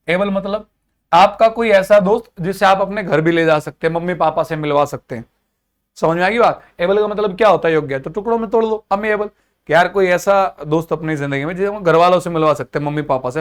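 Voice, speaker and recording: A young man with a fairly high voice teaches an exam-prep lesson. He mixes Hindi with English and slips into acted-out character voices to keep the class engaged. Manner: explains in Hindi mixed with English, acts out characters.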